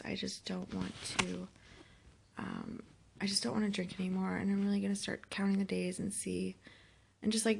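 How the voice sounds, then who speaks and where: A hungover woman in her thirties talking in a weary, halting, self-reproachful way in a casual confessional vlog, sounding sick. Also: medium pitch, vocal fry, slightly rough. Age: 30s. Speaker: vlogger. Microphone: phone held by herself.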